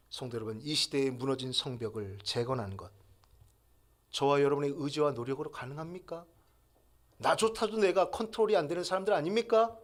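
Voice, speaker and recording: Lively, animated male pastor preaching. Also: sits high. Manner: lively preaching with rising emphatic peaks; leads the congregation in call-and-response. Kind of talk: sermon.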